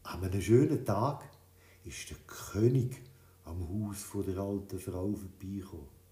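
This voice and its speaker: A man reading a children's story, in a lively, expressive telling. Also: sits low, measured pace. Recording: roomy echo.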